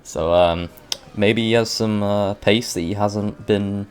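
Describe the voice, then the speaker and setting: A man's voice: on the low side, steady tone, slow pace, a little hiss or hum. A young man co-commentating a sim race live, laid-back and hesitant with many fillers.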